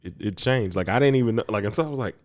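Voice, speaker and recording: A man's voice: lowish voice, very fast, noisy background. A man co-hosting a podcast in casual chat, rambling off on tangents and laughing often. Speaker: podcast co-host.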